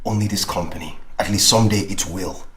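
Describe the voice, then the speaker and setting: An actor playing an entitled, hot-tempered young heir who talks with smug sarcasm. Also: male voice, sits low, brisk, a little hiss or hum, lightly acted. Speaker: boss's son at a company.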